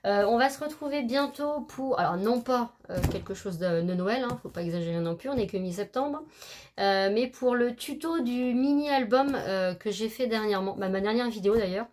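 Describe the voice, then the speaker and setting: A woman's voice: on the high side, moderate pace, darkish tone. Chatty woman in a noisy home recording. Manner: chatty and gushing, with many hesitations. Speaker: craft vlogger. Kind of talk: casual show-and-tell chat.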